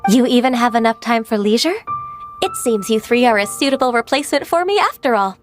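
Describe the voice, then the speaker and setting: A gentle young secretary speaks softly and sincerely in a slightly high voice, as a woman voices her. Her manner is polite and earnest throughout. Game music plays clearly behind her. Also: animated, a little fast, close to an everyday voice. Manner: soft-spoken, polite and sincere. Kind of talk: video game voice acting.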